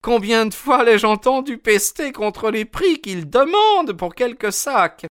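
A man voicing a loud, worried working-class boatman's wife in an audiobook, chattering and fretful. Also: extremely high pitch, expressive, takes it slowly, dry recording, studio quality, voice pushed up, exaggerated voice. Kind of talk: audiobook character voice.

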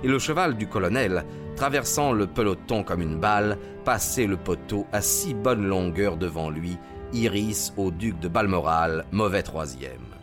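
A man narrating a detective story in a calm, measured, dramatic audiobook style. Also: sits low. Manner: calm and measured, rising to excited shouts in the race scenes. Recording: music bed under the voice.

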